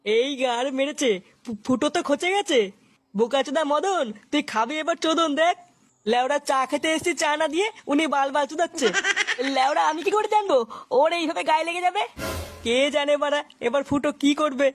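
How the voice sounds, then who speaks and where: Woman playing a cowardly stammering village gossip for a cartoon, high and fast. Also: lightly acted. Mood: nervous. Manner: stammering when scared.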